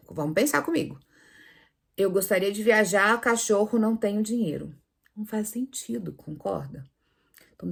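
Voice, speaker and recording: A woman teaching Spanish pronunciation in Portuguese, lively, asking viewers questions and demonstrating sounds aloud. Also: medium pitch, breathy edge. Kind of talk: online language lesson.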